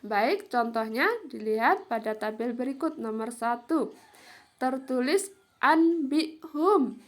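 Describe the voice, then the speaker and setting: A woman gives a Quran reading lesson, in a high voice and at an unhurried pace. She explains each rule, then models the example words and repeats them for her students. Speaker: teacher.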